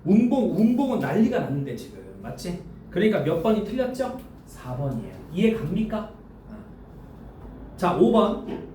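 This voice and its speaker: A male high school teacher giving a classroom lecture, throwing quick questions at students in casual speech. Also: big pitch swings, warm tone. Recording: echoey classroom from a distance with faint noise.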